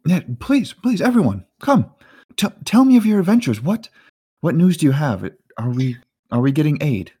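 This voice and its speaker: Man in falsetto as a gracious young woman leader. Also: sing-song, moderate pace, dark tone, husky. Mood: eager. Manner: high falsetto, eager and welcoming.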